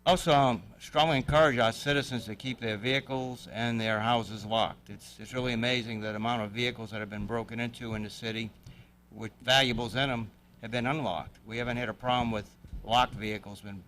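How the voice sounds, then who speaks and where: A man's voice: medium pitch, steady tone, a bit bright. Guy, police chief, talking plain and earnest to the council, slight hiss behind. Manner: earnest, deliberate, plain-spoken. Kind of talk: formal public address. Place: city council chamber.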